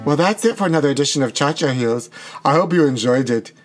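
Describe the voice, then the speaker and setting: A man's voice: fairly high pitch, lively intonation, quick pace. A man closes out a comedy podcast episode in a campy, theatrical voice. He talks playfully and hams up every line. Faint music sits behind him. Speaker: podcast co-host. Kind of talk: improvised comedy sketch and sign-off.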